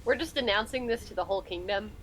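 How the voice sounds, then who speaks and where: A woman playing a tabletop game, making quick, wry asides. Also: mid-range voice, fairly bright tone. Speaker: player.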